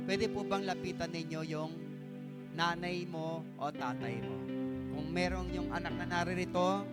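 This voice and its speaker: A middle-aged pastor from the Philippines preaching a live sermon to his congregation, often asking "no?" and stretching key words slowly for emphasis. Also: fairly high pitch. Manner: keeps adding tag questions "no?" to the congregation. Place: church hall.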